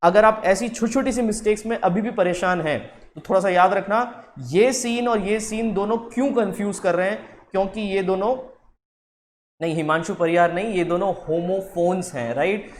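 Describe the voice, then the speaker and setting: A man teaching vocabulary, drawing words out slowly as he explains. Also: high-pitched, slight background noise. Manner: explains with slow drawn-out English words. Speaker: English teacher. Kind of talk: spoken English lesson.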